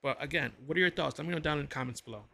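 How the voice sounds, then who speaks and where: A man's voice: a little high, racing, gravelly, sharp tone. A man hosting a reaction video, musing aloud in casual commentary with lots of fillers and restarts.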